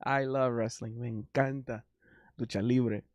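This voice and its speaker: With a slow, slightly mellow medium-pitched voice and fairly even intonation, a livestream host and singer chats casually and hesitantly with ums. He's a native English speaker born in Miami to a Haitian family, moving between Spanish and English. The recording is dry.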